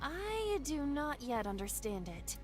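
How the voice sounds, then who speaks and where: Prim robot-ish ai girl with a dry formal delivery, bouncy pitch, for a game. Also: very animated, slow pace, music in the background, heavily acted. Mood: deadpan. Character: female AI partner, formal and deadpan. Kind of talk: game voice acting.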